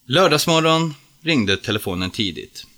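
A man reading a story aloud as narrator in a steady, plain storytelling manner. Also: on the high side.

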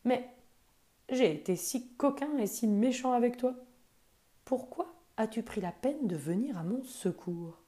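A mischievous little monkey, lively and cheeky, as a woman reading a children's storybook puts him on. His voice is raised and higher than her narration, with a warm, mellow tone. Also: unhurried. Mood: grateful.

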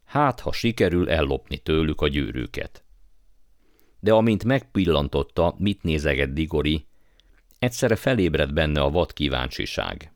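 A man reading a story aloud as narrator, in measured storytelling manner. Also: extremely low pitch, expressive, dry recording, clean studio sound. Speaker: audiobook narrator. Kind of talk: scripted narration.

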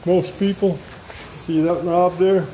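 An older man who is the host's father, muttering and swearing gruffly while he works on a vehicle in a garage. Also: high-pitched, steady tone, slow, background noise. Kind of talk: casual chat while fixing a vehicle.

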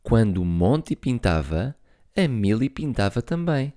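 A man reading a children's story aloud, lively and talking to young listeners. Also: medium pitch, a little slow.

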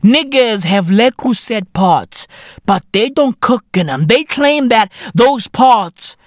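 A man from Africa, hosting a podcast in a loud, rambling, profane comedic monologue full of slang and laughter. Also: sits high, expressive, takes it slowly, dry recording, studio quality. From South Africa. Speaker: podcast host.

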